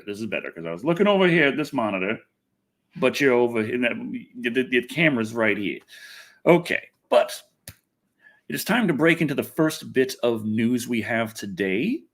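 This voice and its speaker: Brisk and medium-pitched, a man runs a relaxed gaming and movie news livestream. He wanders from point to point with animated energy, regularly interrupting himself.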